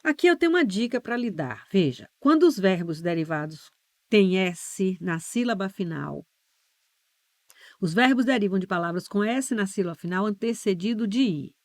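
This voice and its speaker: A woman with a Brazilian Portuguese accent teaches an online exam-prep class. She explains step by step, slows down on key letters and keeps checking that the viewer follows. Her mid-pitched voice sounds close and dry. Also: expressive, a little mellow, dry recording.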